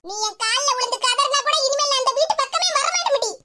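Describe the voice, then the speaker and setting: A shrill, very high, cranky old mother for a cartoon, voiced by a woman, scolding and boastful, with a Tirunelveli Tamil accent. She takes offense fast, and loud noise hisses under her voice throughout. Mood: indignant.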